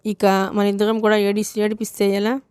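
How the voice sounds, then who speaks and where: A woman reading the part of a mild, resigned older grandmother, in a clear, even voice. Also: medium pitch, moderate pace, no echo, clean studio sound, natural voice.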